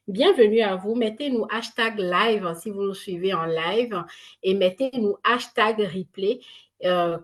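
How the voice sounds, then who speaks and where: Female host for an online coaching live, slow-paced, filler-heavy. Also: mid-range voice. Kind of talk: hosting an online live session.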